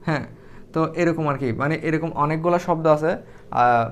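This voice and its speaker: A young man with a fairly high voice teaches Arabic grammar at a brisk pace over slight background noise. His explanations are casual, and he thinks aloud with fillers and restarts as he writes.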